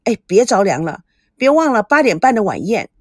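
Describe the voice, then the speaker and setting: A woman voicing a relaxed young man who jokes and protects his companion, in an audiobook. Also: medium pitch, fairly quick, no room sound, clean studio sound. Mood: easygoing.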